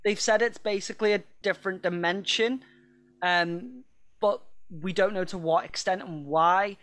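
A man's voice: high voice, moderate pace, a bit bright. A man co-hosting a podcast, chatting casually, rambling, laughing and swearing now and then. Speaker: podcast co-host. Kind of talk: casual chat.

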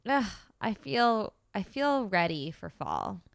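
Smooth-voiced woman chatting casually. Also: medium pitch, huge pitch swings, takes it slowly, no room sound, studio quality. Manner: chatty, laughs often, quotes herself in mock reactions. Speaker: podcast co-host. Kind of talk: casual chat.

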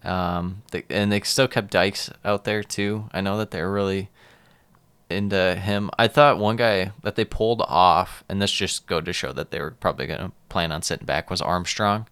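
Low, smooth-voiced man chatting soccer. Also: fairly even intonation, normal speed, fairly bright tone, dry recording. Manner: conversational, asks co-host for opinions. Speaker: sports podcast host. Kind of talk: casual soccer match chat.

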